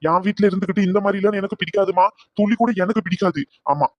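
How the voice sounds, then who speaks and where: A man's voice: sits high, fairly even intonation, lo-fi sound. A man voicing a stern adult son in a cartoon, who demands answers firmly. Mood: demanding. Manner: firm, demanding, quick. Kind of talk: cartoon voice acting.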